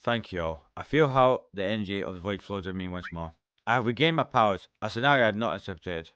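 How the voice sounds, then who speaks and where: A man with a Scottish accent playing through a game, reading every character's lines aloud and shifting his pitch between the parts, close to the mic. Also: expressive, fast, a bit bright, smooth, dry recording, muffled recording. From Scotland. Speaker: let's-play streamer.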